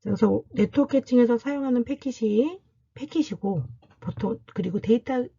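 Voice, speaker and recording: A woman's voice: a little high, moderate pace, creaky, mellow, husky, muffled recording. A woman university lecturer giving a recorded classroom lecture, explaining step by step and asking and answering her own questions.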